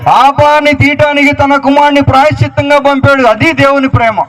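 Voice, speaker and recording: A man's voice: very high-pitched, little pitch movement, fairly quick, a bit bright, rough recording. A male pastor preaching a sermon, repeating rhetorical questions and citing scripture references. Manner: quotes scripture references aloud.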